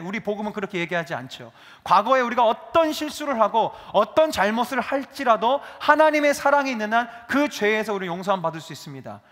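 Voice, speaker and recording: A male pastor preaching a sermon, lively, acting out quoted dialogue as he goes. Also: high voice. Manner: animated, acts out dialogue in his telling. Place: church sanctuary. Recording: reverberant church hall.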